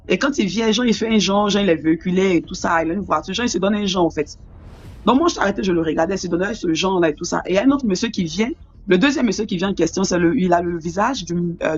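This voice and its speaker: A woman's voice: lowish voice, darkish tone, slightly rough, highs cut off. A woman caller rambling through a personal dream story, full of fillers and restarts. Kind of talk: telling a personal dream story on a call-in show.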